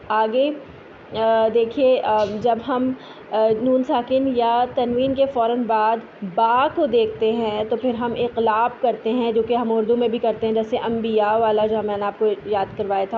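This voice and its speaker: A woman patiently explaining Quran recitation rules, slowly drawing out each example word. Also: a little high. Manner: patient, explanatory, drawn-out filler sounds. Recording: thin phone-like audio with faint hiss.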